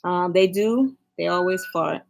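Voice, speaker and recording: A woman's voice: lowish voice, unhurried, vocal fry. A young woman with a New York accent, co-hosting a casual chat podcast, candid and giggly, trailing off into ums. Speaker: podcast co-host.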